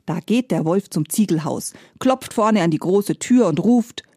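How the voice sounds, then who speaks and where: Slow gentle woman telling a fairy tale. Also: fairly low pitch, animated, dry recording, clean studio sound. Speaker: storyteller.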